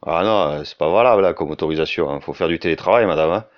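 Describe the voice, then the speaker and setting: A man's voice: sits low, fast talker, muffled recording, pitched below the performer's own voice, natural voice. A man voicing a chatty male gendarme at a checkpoint, speaking with a southern French accent in a folksy, singsong way.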